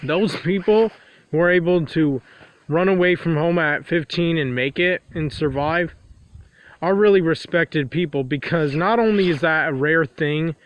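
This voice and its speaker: A vlogger with a nasal, congested voice from a runny nose rambles through a monologue outdoors in the cold, repeatedly circling back to restate himself. His voice sits on the high side and his pace is measured. The tone is clear and resonant, but the highs are cut off.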